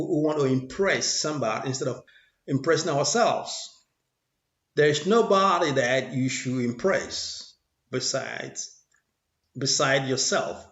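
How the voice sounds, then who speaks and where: Man, motivational monologue, repeats himself, echoey room, dull muffled sound. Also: medium pitch. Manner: rambling, repeats phrases, preachy. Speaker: motivational speaker.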